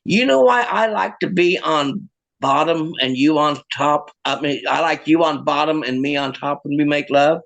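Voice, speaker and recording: A woman's voice: sits low, normal speed, creaky. A man voicing a blunt, teasing wife in a joke. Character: brassy wife trading jabs with husband.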